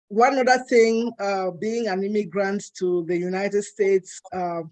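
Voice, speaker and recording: A woman's voice: a little high, darkish tone. A woman from Cameroon, speaking earnestly and emphatically as a co-host in a panel discussion.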